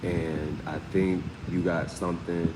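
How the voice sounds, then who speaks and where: The host of this live tarot reading has a deep voice and a flat delivery, speaking a little slowly while background noise plays. His talk is loose and wandering, dotted with "you know what I'm saying."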